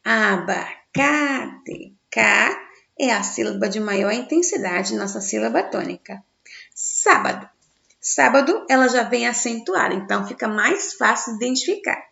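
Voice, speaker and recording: A woman teacher giving a recorded grammar lesson for children in Brazilian Portuguese, sounding out stressed syllables slowly and answering her own questions. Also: a little high, lively intonation, gravelly, pushed and bright. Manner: slow, stressed syllables when sounding out words; asks the class questions and answers them herself. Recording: dull, echoey room.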